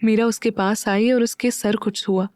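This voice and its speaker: A woman's voice: mid-range voice, steady tone, normal speed, darkish tone, dry recording. Woman narrating a romance audio story. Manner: voices all characters herself.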